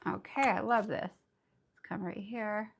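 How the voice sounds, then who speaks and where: A woman with a raspy voice, under the weather, teaching nail art in a bubbly, chatty live tutorial. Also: mid-range voice, fairly even intonation, takes it slowly. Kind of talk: casual live tutorial chat.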